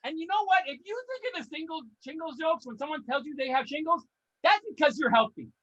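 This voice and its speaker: A man's voice: very high voice, expressive, quick pace, fairly bright tone, lo-fi sound. A man from Canada doing a stand-up comedy set over a video call, swearing a lot and ranting in exasperation while acting out his own exclamations.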